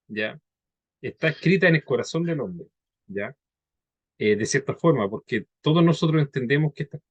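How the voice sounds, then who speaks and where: A man delivers a sermon in a conversational teaching tone, his voice sitting at an ordinary middle pitch. He keeps checking in with his listeners and slows down when he reads scripture. The sound is dry and close, with no room echo. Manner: conversational teaching, frequent "¿ya?" and "¿verdad?" tags; reads scripture slowly and deliberately. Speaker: preacher.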